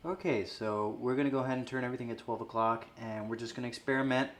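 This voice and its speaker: A man with a medium-pitched voice talks quickly while hosting a gear review video, explaining settings in a casual, informal, somewhat hesitant way. He's in an indoor room with a guitar amp, and the roomy recording comes from a distant mic with faint noise.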